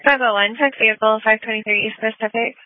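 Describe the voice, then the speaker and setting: A woman with a somewhat high voice rattling off calls fast over a police radio transmission. Her voice comes through a thin, phone-like band with a dry, close sound. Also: steady tone, dry recording. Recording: narrow police radio channel.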